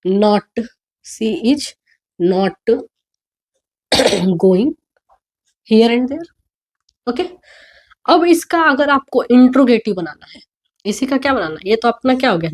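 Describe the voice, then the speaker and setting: A woman teaching English grammar, unwell and coughing, who speaks softly and asks the class questions before answering them herself. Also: on the high side. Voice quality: soft, quiet delivery.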